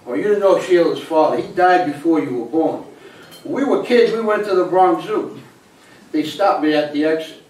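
In a live comic play, a man in his 70s acts as a grandfather who teases and cracks jokes while gleefully spinning a story. His voice is on the high side, a little mellow, lightly acted, at a moderate pace. A distant camera captured it in an echoey small theater, with hiss.

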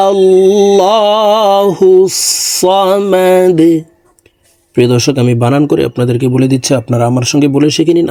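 A man teaching Quran recitation, spelling out letters and vowel marks slowly and carefully, then reciting in a drawn-out, melodic way. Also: medium pitch, dark tone, no echo.

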